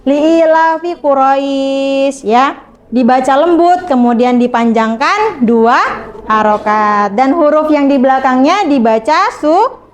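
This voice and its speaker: Woman teacher, high voice, slow and patient delivery. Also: expressive, slight background noise. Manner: slow, patient, checks understanding often. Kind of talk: classroom lesson.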